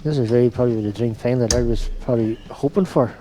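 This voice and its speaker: A man's voice: medium pitch, quick pace, noisy background. A man giving conversational live commentary on a darts match.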